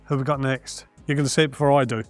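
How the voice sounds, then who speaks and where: Man, darts guest, frank and friendly, lots of fillers, middle pitch, faint music behind. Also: fairly even intonation, racing, dry recording. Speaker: darts guest and former player. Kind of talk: casual panel discussion.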